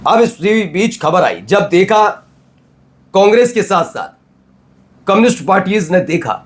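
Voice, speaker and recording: A man's voice: high voice, very animated, measured pace. A man hosting a news channel, delivering a sarcastic, emphatic political commentary monologue.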